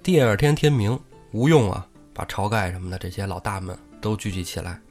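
A man hosting a comic storytelling show, retelling a classic tale in lively, colloquial speech with wry asides. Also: fairly low pitch, brisk, faint music behind. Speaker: storyteller host.

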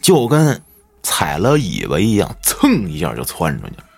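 A man's voice: wildly swooping pitch, moderate pace, vocal fry, breathy edge. A man, a podcast host telling a ghost story in colloquial, swear-laden style. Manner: colloquial storyteller, swears often, dramatic swings in pitch.

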